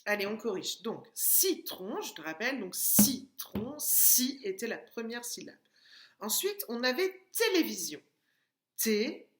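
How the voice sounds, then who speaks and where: A woman's voice: on the high side, very animated, measured pace, a bit bright, a little hiss or hum. A woman teaching a lesson to young children, speaking patiently and stretching out syllables as she taps them. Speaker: preschool teacher. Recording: echoey room.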